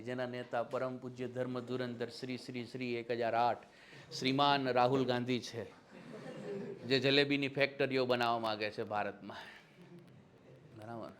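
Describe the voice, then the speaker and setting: A man's voice: medium pitch, a bit bright, a little hiss or hum. A man giving a classroom lecture as an exam-prep history teacher, with teasing, mocking satirical asides, who keeps checking that his listeners agree.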